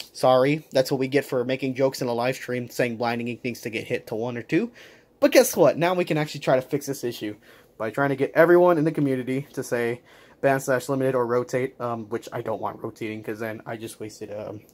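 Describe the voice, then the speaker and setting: A man chatting casually while unboxing toys, talking quickly and correcting himself as he goes. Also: medium pitch, a little mellow. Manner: rapid, rambling, self-correcting. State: out of breath. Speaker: toy unboxing vlogger.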